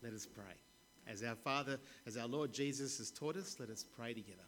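A man leading a church congregation in prayer, reciting calmly and steadily, with the long echo of a large church hall around him. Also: medium pitch, a little fast. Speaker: service leader. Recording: long church hall reverb, faint hum.

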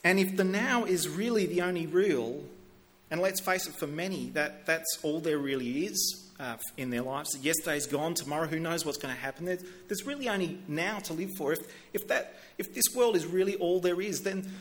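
Middle-aged male preacher, relaxed conversational sermon delivery, voice a touch higher than usual, frequent restarts. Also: normal speed. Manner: conversational, repeats words when starting sentences. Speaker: pastor.

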